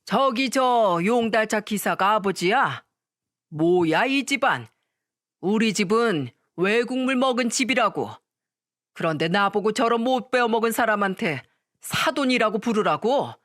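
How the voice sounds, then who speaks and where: A woman's voice: fairly high pitch, lively intonation, unhurried, fairly bright tone. A woman reading as a rude, scornful older man. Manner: blunt, contemptuous, scolding. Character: rude arrogant older man, prospective father-in-law.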